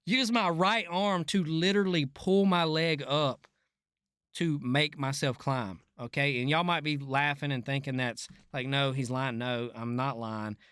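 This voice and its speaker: A man's voice: fairly high pitch, a bit bright, clear, resonant tone, no echo, studio quality. A middle-aged man giving casual, unscripted commentary as a former rig worker, in a folksy, slangy and profane way. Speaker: reaction video host, former oil rig worker.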